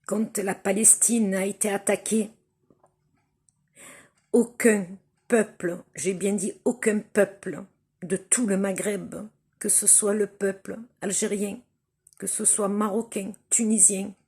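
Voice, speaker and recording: A woman from Algeria speaks straight to her viewers in an impassioned appeal. Her voice is husky and a little breathy, and her pace is very slow and deliberate. She hammers her points home by repeating them. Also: medium pitch, steady tone, a little mellow. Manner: slow, emphatic, repeats phrases for stress. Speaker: vlogger addressing viewers. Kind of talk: impassioned spoken appeal to camera.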